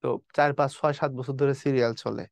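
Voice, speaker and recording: Teacher, talking quietly, dry close sound, average male pitch. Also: fairly even intonation, gravelly, dry recording. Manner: speaks softly and slowly, teasing students. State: mild fever and a cold. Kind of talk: online class lecture.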